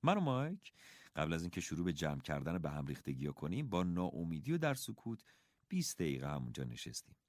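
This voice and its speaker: Expressive male audiobook narrator. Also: sits low, no echo, studio quality. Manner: expressive storytelling in the first person.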